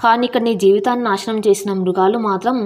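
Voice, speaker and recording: A woman's voice: mid-range voice, fairly even intonation, quick pace, a little mellow, close to an everyday voice. A woman voicing an anguished young husband who speaks firmly and earnestly.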